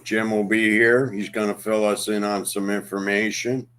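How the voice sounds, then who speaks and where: A man in his fifties hosting a casual livestream, talking slowly and haltingly with many pauses and fillers. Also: lowish voice, level tone, fairly bright tone. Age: 50s. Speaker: livestream host.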